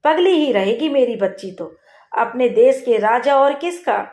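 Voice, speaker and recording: A woman voicing a bossy, doting middle-aged aunt in a folk tale, loud and fussing, in an echoey room. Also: fairly high pitch, animated, measured pace, pitched above the performer's own voice.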